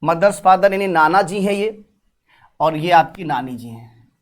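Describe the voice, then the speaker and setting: A man's voice: high voice, expressive, a little slow. A man teaching an exam-prep class, repeating key terms and answering his own questions. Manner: talks while writing on a board. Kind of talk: online exam-prep lesson.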